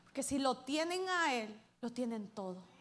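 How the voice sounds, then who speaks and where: A woman pastor, preaching a sermon to her church, swinging between loud calls to the congregation and hushed asides. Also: high-pitched, big pitch swings, moderate pace.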